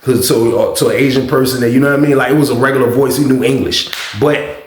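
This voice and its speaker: A man's voice: mid-range voice, fairly even intonation, fast talker, roomy sound, slight background noise. A man casually telling a story to his viewers, rambling and often adding filler phrases. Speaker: vlogger.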